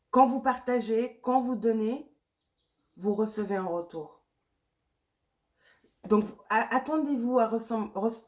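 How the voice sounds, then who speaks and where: A woman's voice: mid-range voice, a little mellow. Woman doing a pick-a-card tarot reading with a cold and sore throat, reassuring, repeats herself a lot, throws in english words, close mic. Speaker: tarot reader.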